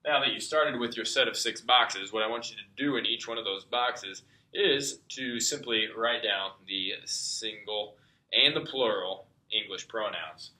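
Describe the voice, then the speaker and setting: A Spanish tutor with a mid-range, bright and forceful voice walks through a language lesson step by step. He explains patiently, checking in with "okay?" along the way, in an echoey room.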